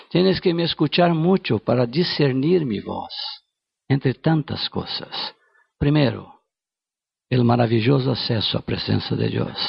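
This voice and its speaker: A man's voice: mid-range voice, gravelly, breathy edge, dry recording, highs cut off. A middle-aged man with a Brazilian Portuguese accent, preaching a sermon in an earnest, emphatic way.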